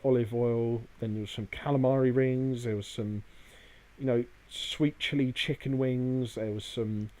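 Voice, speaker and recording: A man co-hosts a casual podcast chat. He talks in a rambling, hesitant way, leaning on filler phrases as he goes. His pitch sits in the middle range for a man. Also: dark tone. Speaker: podcast co-host. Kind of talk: casual chat about a day out.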